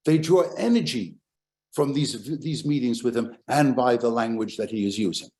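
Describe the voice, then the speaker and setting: An older American man giving a public history lecture as a professor, emphatic and animated, with rhetorical questions and repeated phrases. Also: medium pitch, moderate pace.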